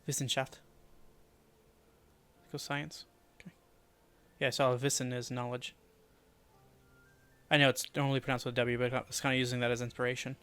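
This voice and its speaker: A man streaming live, thinking aloud as he mutters and repeats made-up names to test how they sound, often dropping to a quiet murmur. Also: medium pitch, level tone, normal speed, pauses often, clear, resonant tone. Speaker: streamer building a fantasy world.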